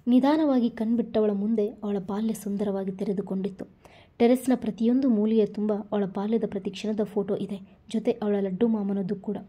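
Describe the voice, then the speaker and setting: A woman storyteller reading a story aloud with even, expressive narration. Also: medium pitch, normal speed. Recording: dull lo-fi recording.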